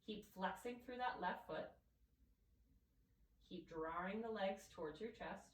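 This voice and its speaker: A woman with a nasal voice from allergies, calmly guiding a yoga class step by step. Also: mid-range voice, measured pace, echoey room, far from the mic, rough recording. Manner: calm, gentle step-by-step cueing. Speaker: yoga instructor. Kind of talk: guided yoga class instruction.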